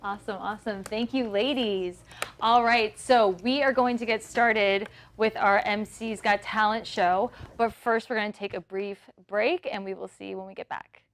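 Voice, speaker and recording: A woman's voice: medium pitch, fairly even intonation, normal speed, natural voice. A woman playing an upbeat female talent-show host who introduces the judges and the acts. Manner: upbeat presenter patter.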